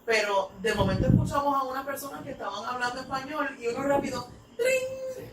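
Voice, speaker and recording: A woman's voice: sits high, expressive, brisk. A woman from New York, an English teacher, telling stories in a church talk with many fillers. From United States (New York). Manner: rambling, filler-heavy storytelling. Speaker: English teacher, ministry speaker. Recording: echoey room, mic far off, noisy.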